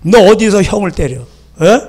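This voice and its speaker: A pastor putting on a stern scolding parent. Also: male voice, high-pitched, expressive, moderate pace. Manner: scolding, sharp rebukes. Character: stern scolding parent, angry at a misbehaving child.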